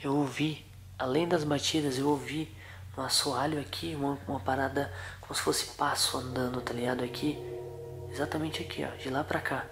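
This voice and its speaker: A man with a Brazilian accent vlogging at night in a nervous, hushed, partly whispered voice. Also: medium pitch, fairly even intonation, moderate pace, vocal fry. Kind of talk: night ghost-hunting vlog. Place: dark bedroom at night. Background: music.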